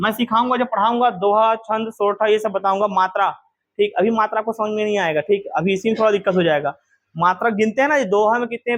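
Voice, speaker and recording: A man's voice: extremely high pitch, a bit bright. A man teaching a grammar lesson to a class, quizzing students with repeated questions.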